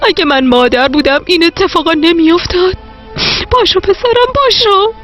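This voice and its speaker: A woman's voice: extremely high pitch, fairly bright tone. A woman dubbing a remorseful mother who speaks with tearful regret to her son in a TV drama. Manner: tearful, confessional. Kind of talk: dubbed TV drama. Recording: faint music behind.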